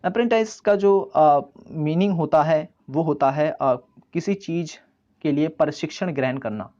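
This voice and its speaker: An English teacher from India with an Indian accent, giving an online vocabulary lesson, spelling each word slowly letter by letter and explaining meanings with frequent "uh" fillers. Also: medium pitch, warm tone. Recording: dull lo-fi recording.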